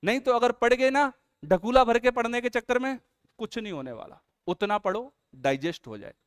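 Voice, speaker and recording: A man's voice: extremely high pitch, lively intonation, moderate pace, clean tone, no echo, studio quality. A man, an exam coaching teacher, walking students through a test series in an earnest, coaxing way. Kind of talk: promotional explainer lesson.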